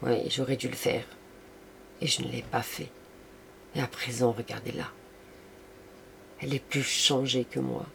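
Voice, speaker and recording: A man's voice: mid-range voice, fairly even intonation, unhurried, vocal fry, pauses often, fairly bright tone, slight background noise. A man voicing a remorseful, passionate young artist who pleads for forgiveness, raised and impassioned. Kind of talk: audiobook reading.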